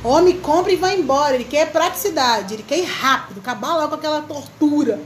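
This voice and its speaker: A woman's voice: high-pitched, fast, a little hiss or hum. A chatty woman hosting a crafts live stream, greeting viewers by name and laughing often. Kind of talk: casual live chat.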